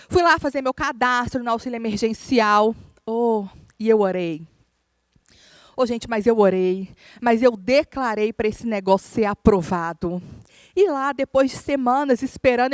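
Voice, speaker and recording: A woman minister, preaching a sermon through a lively personal story and often calling out to the congregation. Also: sits high, dry recording. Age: adult, married.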